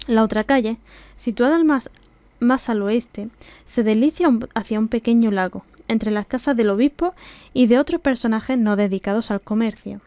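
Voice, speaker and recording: A woman's voice: fairly high pitch, warm tone, no room sound. A woman with an Andalusian Spanish accent reads a classic novel aloud as scripted audiobook narration. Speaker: audiobook reader.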